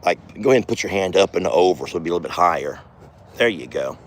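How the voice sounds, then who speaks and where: A middle-aged farm vlogger who has lost his voice speaks hoarsely, deep-voiced, animated and fast. Filming a casual outdoor vlog on a handheld phone by his bull pen, he chats folksily and talks softly to his bull.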